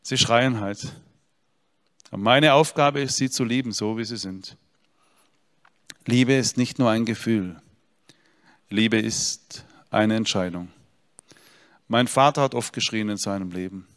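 A man's voice: medium pitch, a bit bright. Man preaching in a reverberant hall. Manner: addresses listeners directly, earnest with dry humor. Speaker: speaker giving an inspirational talk. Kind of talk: personal storytelling sermon.

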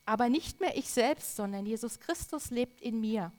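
A woman preaching a sermon, earnest and emphatic, with drawn-out repetitions. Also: on the high side, animated, a little mellow.

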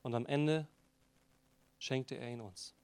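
A man preaching a sermon to a congregation, rising to loud, emphatic peaks and dropping to hushed phrase endings. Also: medium pitch, steady tone, slow pace, clear, resonant tone, dry recording. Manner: addresses the congregation directly.

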